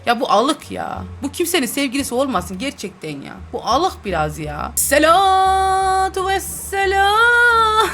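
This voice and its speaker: A woman's voice: fairly high pitch, very animated, moderate pace, few pauses, fairly bright tone, faint music behind. A young woman chatting and teasing through a role-play game, laughing often as she comments. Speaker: gaming YouTuber.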